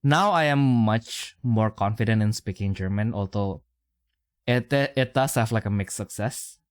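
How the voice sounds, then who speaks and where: A young man with an Indonesian accent co-hosts a podcast in a casual, rambling way, full of fillers and restarts, and he chuckles often. His voice is lowish, a little slow, clear and resonant, recorded cleanly in a studio with no echo.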